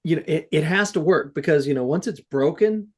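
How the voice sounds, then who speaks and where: A man's voice: on the high side, fairly quick, husky. Guy on a panel rambling, lots of you know, swears a bit. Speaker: SEO panelist. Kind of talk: casual panel discussion.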